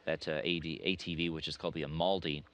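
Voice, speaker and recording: A deep-voiced American man delivers an informational update as a mission control commentator. He speaks in a semi-scripted way, often stopping mid-sentence to say uh. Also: level tone, a bit bright, slight background noise. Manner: hesitant, frequent uh pauses mid-sentence.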